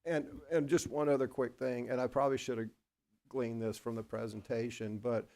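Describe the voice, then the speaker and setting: At a school board work session, an Oklahoma board member speaks in a rambling, halting way, restarting often and putting himself down. His medium-pitched voice is mellow with a flat delivery during the board meeting discussion.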